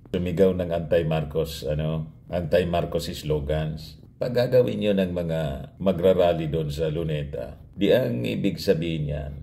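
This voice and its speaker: A man's voice: extremely low pitch, warm tone, slight background noise. A man from Albay with a Bicolano accent, giving mocking political commentary as a vlogger and broadcast journalist, chuckling between remarks. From Albay, Philippines.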